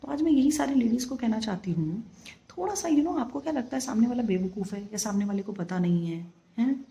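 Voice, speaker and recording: Woman, 30s, emphatic frustrated vlogger, slightly high and mellow. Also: lively intonation, a little fast, creaky. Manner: exasperated, emphatic, mixing English into Hindi. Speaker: vlogger, former flight attendant. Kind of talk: candid personal vlog monologue.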